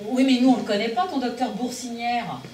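A woman's voice: fairly high pitch, steady tone, moderate pace, a little mellow, slight background noise, natural voice. A woman playing a sarcastic friend. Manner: sarcastic and blunt. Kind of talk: amateur stage play. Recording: echoey hall from far off.

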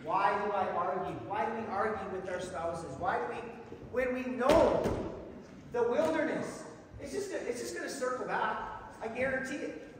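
In an echoey church hall, a middle-aged lay preacher with an extremely high-pitched voice delivers a folksy, self-deprecating sermon at normal speed, repeating words as he goes. His voice sounds distant and the recording is noisy.

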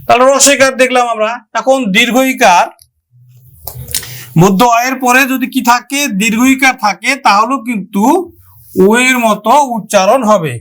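A man's voice: extremely high pitch, normal speed, a bit bright. A male teacher giving a grammar lesson, addressing students with questions and sounding out example words syllable by syllable.

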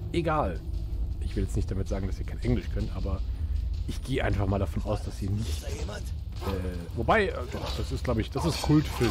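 A man hosting a let's play, making casual commentary and jokingly trash-talking the enemies in the game. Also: mid-range voice. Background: game music.

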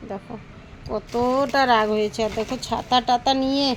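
A woman's voice: on the high side, steady tone, normal speed, a little hiss or hum, low-quality recording. A woman vlogging about her pets at home, talking to viewers as friends and cooing sweetly to the animals. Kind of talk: casual pet vlog narration.

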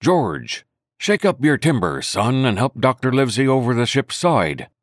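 A man's voice: mid-range voice, very animated, normal speed, no room sound. A hearty old pirate cook with a crutch, all false good nature and salty sea talk, put on by a man reading a storybook. His voice rolls widely up and down. The sound is close and dry. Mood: jovial. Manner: wheedling, jovial sea talk.

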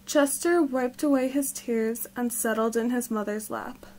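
A woman reading a children's storybook aloud in a gentle, expressive way. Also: on the high side, measured pace, low-quality recording. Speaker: storybook reader.

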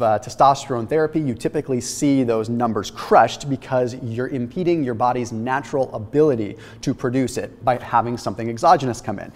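Papers in hand and gesturing, a man in his thirties who hosts a health and fitness channel looks straight into the camera to go through his lab results with emphatic energy. His middle-pitched voice echoes with lingering reverb around the kitchen studio set.

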